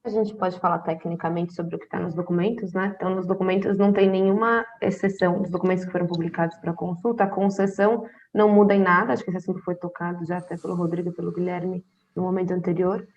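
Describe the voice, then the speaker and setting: A woman's voice: on the low side, level tone, fast, darkish tone, a little hiss or hum. A woman answering a technical question at a public hearing in a matter-of-fact way. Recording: dull lo-fi sound.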